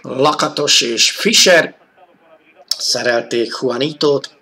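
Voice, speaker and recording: Excited guy doing live football commentary, gravelly bright voice, old 80s tv broadcast sound. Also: mid-range voice. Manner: excited, rising to shouts at key moments. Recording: old 1980s TV sports broadcast audio.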